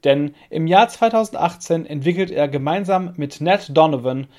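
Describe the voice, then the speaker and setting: Higher-pitched male host narrating. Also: moderate pace, a little mellow. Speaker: show host. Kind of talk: scripted narration, guest introduction.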